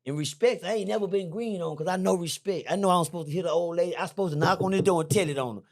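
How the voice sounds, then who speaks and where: A middle-aged man, a podcast guest, telling a story in a lively, slangy way, repeating himself and jumping high when excited. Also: very fast. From Texas. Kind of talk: animated storytelling. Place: podcast studio.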